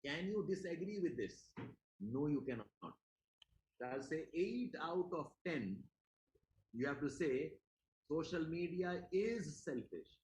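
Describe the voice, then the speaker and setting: A man's voice: a little high, roomy sound, slight background noise, rough recording. A man with an Indian English accent teaching a class, emphatic, repeating his questions to the students. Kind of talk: classroom lecture.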